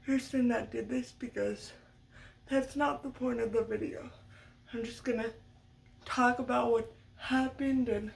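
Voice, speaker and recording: A young woman vlogger tells a sit-down story at home with her dog nearby, stuttering often and repeating sounds. Her voice is high-pitched with a darkish tone. She sounds a bit far from the mic.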